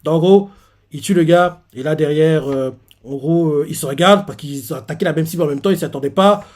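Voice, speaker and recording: A man's voice: on the high side, a little fast, darkish tone. A man hosting a manga reaction, recapping a chapter in a rambling, casual way with many fillers.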